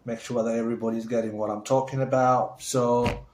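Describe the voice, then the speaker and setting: A man's voice: mid-range voice, flat delivery, brisk, a little mellow, slight background noise. A man from Somalia talking casually to camera as a vlogger. He rambles in a chatty way, with many fillers and restarts, and turns enthusiastic when he praises someone. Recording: roomy echo.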